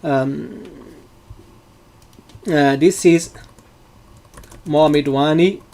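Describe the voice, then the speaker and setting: This is a fairly high, dark-toned, steady voice belonging to a middle-aged Moroccan man running a live online data science lesson. Patient and explanatory, he leans heavily on ums and uhs and often starts his sentences over.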